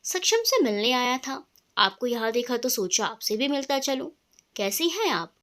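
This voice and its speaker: A woman voicing a joking, flattering young man who is nervous around his friend's wife, in a storybook reading. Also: high voice, normal speed. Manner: jokey, flattering.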